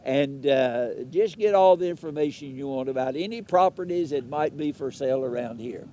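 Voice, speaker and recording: A man's voice: medium pitch, moderate pace, warm tone, slight background noise. A man, reading out sponsor greetings on a live parade broadcast in a folksy, chatty way. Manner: folksy, chatty, laughs between lines.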